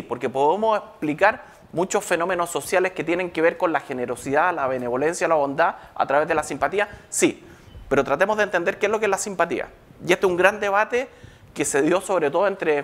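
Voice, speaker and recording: Man giving a lively lecture. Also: a little high, fairly quick. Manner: engages audience with frequent rhetorical questions and "¿ya?". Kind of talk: live public lecture. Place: lecture room with audience.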